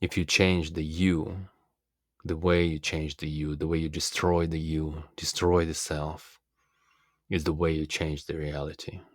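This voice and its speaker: This self-development speaker, a native Russian speaker, offers a deliberate and earnest philosophical self-help monologue. He speaks very low, in a level tone with little melodic variation. The audio is close and dry, without any room sound or reflections.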